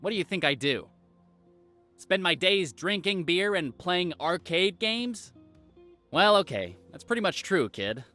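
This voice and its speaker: Brief: a video game handyman, brash and boastful, a bright, lively voice, faint game music behind. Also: sits high, measured pace, heavily acted. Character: cocky, hostile man, arcade-loving handyman.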